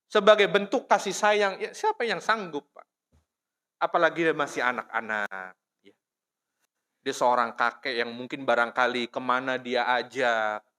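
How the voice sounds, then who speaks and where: Male mosque lecturer from Indonesia, high bright voice, chatty storytelling delivery. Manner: storytelling, addresses listeners as "Pak", frequent "ya". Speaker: preacher.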